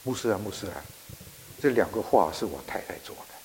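Guy doing a crying old man, husky, kinda soft, echoey hall. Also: mid-range voice, very animated, fast talker. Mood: tearful. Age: older. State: choked with tears. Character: tearful elderly immigrant man, grieving.

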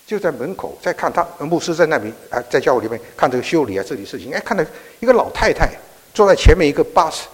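Husky preacher guy telling a story, stops and restarts a lot, echoey hall. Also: fairly high pitch. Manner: animated, halting with many restarts. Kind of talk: sermon storytelling.

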